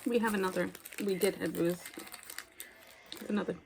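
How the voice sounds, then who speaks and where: Gravelly young woman tasting snacks. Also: on the low side, fairly even intonation, fairly quick, darkish tone, a little hiss or hum. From United States. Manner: chatty, blunt, talks with mouth full. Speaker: vlogger. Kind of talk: casual snack taste test. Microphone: phone camera.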